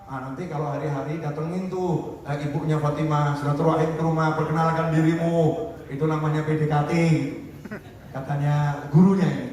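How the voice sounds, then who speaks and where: Male preacher, lively joking storyteller, fairly high voice, echoey hall, far mic. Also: a little fast. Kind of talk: storytelling sermon.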